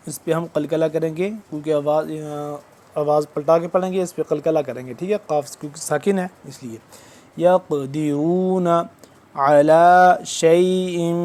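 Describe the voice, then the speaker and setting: A man teaching recitation, his voice sitting a little high and staying level. He draws the recited words out slowly and then explains the pronunciation rules in brisk, even speech, close to the mic. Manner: alternates slow drawn-out recitation with quick spoken explanations. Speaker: Quran tajweed teacher. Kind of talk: word-by-word recitation lesson.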